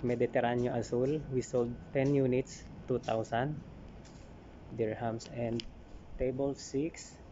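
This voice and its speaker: A man giving a walkthrough sales report in a large home goods store, filmed on a handheld phone, listing collections and figures with pauses. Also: mid-range voice, noisy background. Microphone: handheld phone camera.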